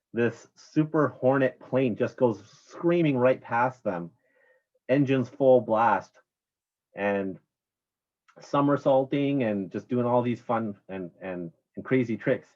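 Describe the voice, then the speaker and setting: A man's voice: medium pitch, slow. A man chairing an online meeting, chatty and rambling, correcting himself as he goes. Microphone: video call. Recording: dull lo-fi sound.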